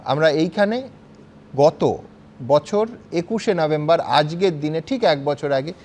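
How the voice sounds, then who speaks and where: A man's voice: fairly high pitch, slow pace, darkish tone. A man anchoring a televised news debate, pressing guests with pointed questions and cutting in. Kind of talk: studio debate moderation.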